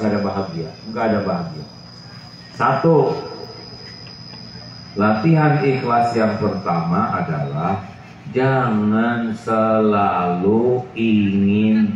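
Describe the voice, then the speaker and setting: A middle-aged man giving a lively, joking sermon on an outdoor stage, speaking into a handheld microphone and often asking the crowd questions. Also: fairly low pitch, slight background noise. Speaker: preacher. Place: outdoor stage under a tent. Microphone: handheld mic, far camera. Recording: roomy, distant, dull PA sound.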